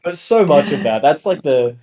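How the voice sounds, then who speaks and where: A man's voice: a little high, expressive, moderate pace, dark tone. A man co-hosting a casual review podcast, talking in a laid-back, slangy and amused way. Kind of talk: casual chat.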